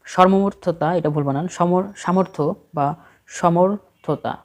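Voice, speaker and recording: A man's voice: high-pitched, takes it slowly. A man with a Bangladeshi Bengali accent reads a spelling list aloud for exam prep, steadily correcting each word in short phrases.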